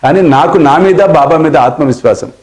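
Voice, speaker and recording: A man with a Telugu accent, a spiritual teacher telling a devotional story in a sermon. He acts out the quoted dialogue and slows down for emphasis. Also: on the high side, a little mellow, low-quality recording.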